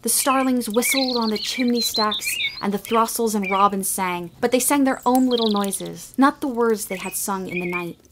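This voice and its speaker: A woman giving scripted storybook narration for a radio play, gentle and expressive, sometimes dropping to a hush. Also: on the high side, moderate pace, few pauses, background noise.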